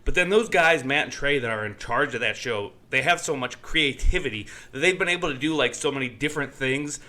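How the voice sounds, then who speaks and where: A man's voice: mid-range voice, fairly quick, bright, forceful tone. A man co-hosting a podcast, chatting casually about the news in a loose, rambling way with lots of fillers. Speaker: podcast co-host.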